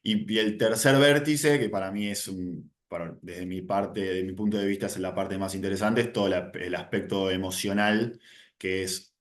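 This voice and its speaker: A young man from Buenos Aires speaks with a Rioplatense accent as a guest in an interview. His voice sits low. He explains things in a relaxed way and fills pauses with hesitations. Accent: Rioplatense Spanish. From Buenos Aires, Argentina. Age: 20s. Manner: relaxed, explanatory, many fillers. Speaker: nutritionist guest. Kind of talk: sit-down interview.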